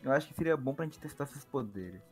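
A man voicing a stern, calm middle-aged father in a Minecraft role-play, talking in a deep, laid-back, dry way. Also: fast, faint music behind, close to an everyday voice.

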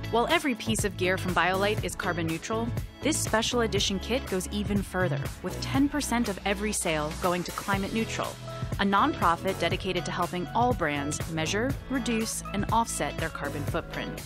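A woman reading a scripted promotional voice-over with an upbeat, crisp delivery. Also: mid-range voice, expressive, fairly quick. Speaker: product narrator. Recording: voice-over with clear music underneath.

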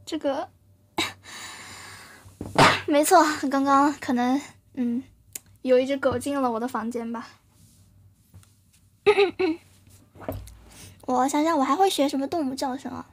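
A woman's voice: high voice, animated, very slow, long pauses, slight background noise. A woman streamer chatting casually and playfully with her live viewers, often giggling and thanking them.

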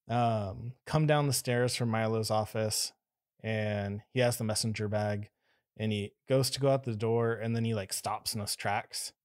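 A man narrating a tabletop game as game master, casual and quick to laugh, with frequent fillers. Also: medium pitch, dry recording, clean studio sound.

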